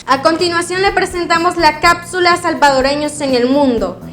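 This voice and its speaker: A woman news anchor reading scripted headlines in a formal, crisp way. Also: very high voice, normal speed, fairly bright tone, soft background music.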